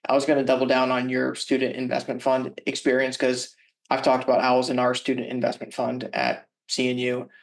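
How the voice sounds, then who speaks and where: Boyish-voiced young man, even pitch. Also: a little fast. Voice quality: boyish-sounding voice. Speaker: podcast host. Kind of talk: casual interview chat.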